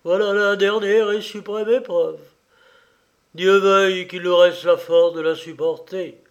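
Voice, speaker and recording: A quavering old farmer, worn down by grief and quick to rage, as a man reads him aloud. His voice sits higher than the narration around it, and he talks with bitter, commanding force. The sound is that of a storybook reading. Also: fairly even intonation. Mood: grieving. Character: grieving, wrathful old male farmer.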